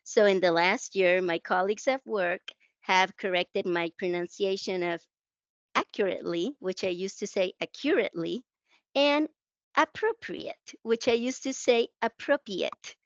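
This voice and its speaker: This guest translator, a woman from the Canary Islands, recounts work stories with a reflective, self-deprecating air during a conversational interview. Her English is a second language carrying a Spanish accent, delivered at medium pitch and a moderate pace. The sound is lo-fi with no echo.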